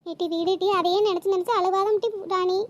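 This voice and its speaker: A woman voicing a caring elder sister-figure in a cartoon, who coaxes and scolds with a very high, squeaky voice. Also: fairly even intonation, fairly quick. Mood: coaxing, fussing. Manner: fussing, coaxing, motherly scolding. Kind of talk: cartoon voice acting.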